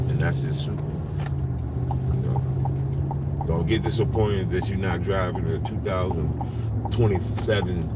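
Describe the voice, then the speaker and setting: A man in his forties with a low voice rambles casually from inside a vehicle, animated and repetitive, restarting often. He's a livestreamer and driver delivering a casual monologue, and the recording is very noisy.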